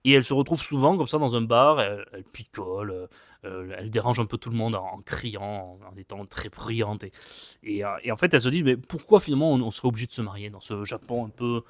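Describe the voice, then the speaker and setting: A man's voice: fairly low pitch, fairly even intonation, fairly quick, no room sound, studio quality. A man casually reviewing manga he has read, chatty and rambling, with many hesitations and repeated words, joking about his own English accent.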